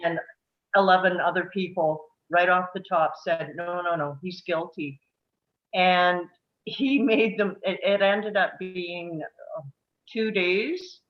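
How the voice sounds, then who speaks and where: A middle-aged woman with a lowish voice takes her time, speaking casually and earnestly with emphatic phrasing. She's a table read participant in a relaxed discussion after the reading, and the recording sounds muffled.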